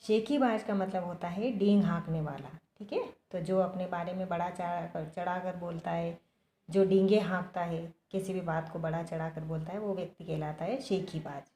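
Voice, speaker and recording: A woman's voice: lowish voice, fairly even intonation, moderate pace, warm tone. A woman teacher reading and explaining a story to young pupils, often asking them questions. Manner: explanatory, asks the children questions. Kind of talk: children's lesson, story retelling. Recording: echoey room.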